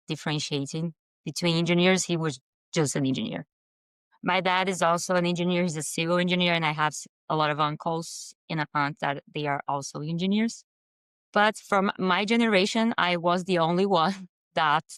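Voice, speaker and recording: Low, clear-voiced Brazilian woman, 30s; relaxed interview guest with easy fillers. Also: dry recording. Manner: conversational, friendly, with fillers and small restarts. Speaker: podcast guest, engineer. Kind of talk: casual podcast interview.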